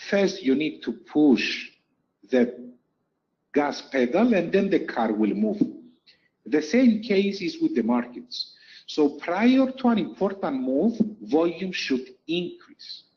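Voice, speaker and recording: A man's voice: fairly high pitch, very animated, slow, dull audio. A man teaching a lesson over chart slides, explaining step by step and repeating key points for emphasis. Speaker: trading instructor.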